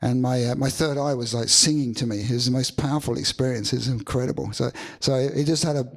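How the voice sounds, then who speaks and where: Male musician guest, gravelly and a bit husky, rambling and reflective, speaking in a live studio session. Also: mid-range voice, steady tone. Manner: halting, many restarts and fillers. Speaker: musician guest being interviewed. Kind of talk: reflective storytelling answer.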